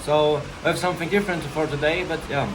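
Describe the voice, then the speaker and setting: Blunt, swearing young man with a high voice. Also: fairly even intonation, brisk, noisy background. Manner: swears a lot, blunt, broken English. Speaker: coworker. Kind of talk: casual chat. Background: music.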